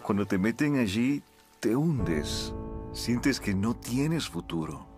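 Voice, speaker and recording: A man calmly telling his own life story as a voice-over for a video. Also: mid-range voice, takes it slowly. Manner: calm, reflective storytelling. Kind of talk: dubbed testimony voice-over. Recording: voice-over with violin music behind.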